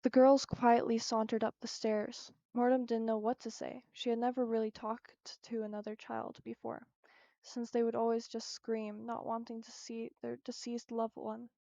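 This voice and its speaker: A woman reading her own short story aloud at a steady, careful pace. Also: fairly high pitch, normal speed, vocal fry, dry recording, muffled recording.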